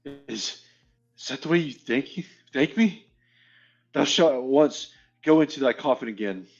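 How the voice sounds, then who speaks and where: A man's voice: medium pitch, animated, measured pace, creaky, voice pushed up. A bold, boastful young hero, read by a man in a fairy-tale reading, tossing out cheeky old-fashioned defiance. The recording sounds dull and lo-fi, with faint music underneath. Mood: indignant.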